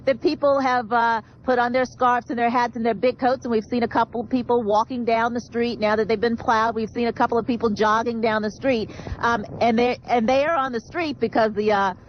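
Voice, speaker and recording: A woman's voice: a little high, steady tone, fairly quick. Rambling woman reporter, dull outdoor audio. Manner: hesitant, rambling. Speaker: news field reporter. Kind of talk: unscripted live weather report. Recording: dull street audio with faint traffic noise.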